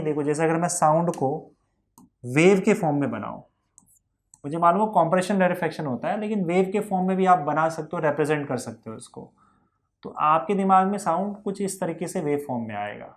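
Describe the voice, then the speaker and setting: Patient male teacher checking understanding. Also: a little high. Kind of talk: whiteboard physics lesson.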